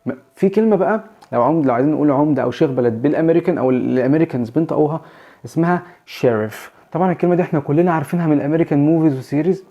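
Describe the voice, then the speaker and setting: A man with an Egyptian Arabic accent rattles through a casual lesson at breakneck speed, restating each point. His voice is dark and mellow. The recording sounds dull and lo-fi. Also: on the high side, rapid-fire. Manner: chatty, repeats and restates points. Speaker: English teacher and channel host.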